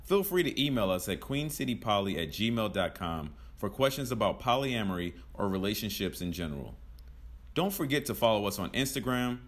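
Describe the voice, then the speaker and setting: A man with a Southern US accent, co-hosting a podcast in casual chat and talking around his points with lots of fillers. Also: medium pitch. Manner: rambling, talks around things with many fillers. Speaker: podcast co-host.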